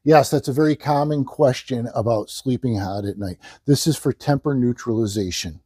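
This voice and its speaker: Man, mellow voice, hard-sell infomercial pitch, emphatic, repetitive selling points, dry close sound. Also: normal speed, breathy edge, no echo. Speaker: infomercial presenter and salesman. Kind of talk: sales pitch, product demonstration.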